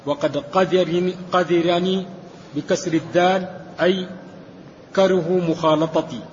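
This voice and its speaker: Student reader, male, measured recitation, faint hiss behind, hall reverb. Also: fairly high pitch. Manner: steady measured recitation of the text. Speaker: student reading the text aloud. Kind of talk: reading a classical commentary aloud. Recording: dull recording with long hall reverb.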